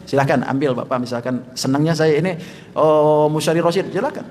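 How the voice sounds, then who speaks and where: Man, religious teacher, high voice, chuckles while explaining, chants examples, long reverb, faint background noise. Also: steady tone, a little fast, darkish tone. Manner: chuckling, demonstrates recitation melodies by chanting. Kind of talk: Quran study lecture.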